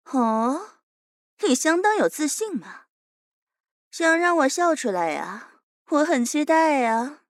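A woman's voice: high-pitched, big pitch swings, slow pace, pauses often, dry recording, studio quality, heavily acted. A woman voicing a fearless, smug young captive who teases her interrogator and calls herself big sister, in an audio drama. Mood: teasing.

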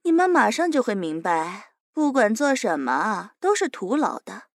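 A woman's voice: on the high side, very animated, a little slow, dry recording, heavily acted. A woman voicing a fearless, smug young captive who teases her interrogator and calls herself big sister, in an audio drama. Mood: mocking.

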